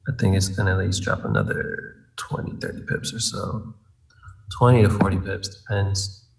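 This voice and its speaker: A man's voice: sits low, fairly even intonation, moderate pace, gravelly, recorded from a distance, poor audio. A man in a live trade room, thinking aloud about trades in a hesitant, casual way. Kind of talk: casual live trading chat.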